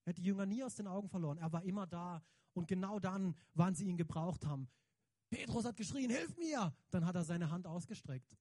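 A man giving a lively, conversational sermon, emphatic and slangy, often turning to the audience with questions. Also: on the high side, no room sound. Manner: emphatic, slangy, keeps asking the audience "right?". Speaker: preacher.

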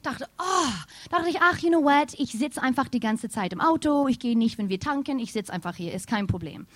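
Animated woman preaching, German. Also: high voice, brisk, no room sound. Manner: animated storytelling, addresses congregation directly. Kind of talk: sermon with personal story.

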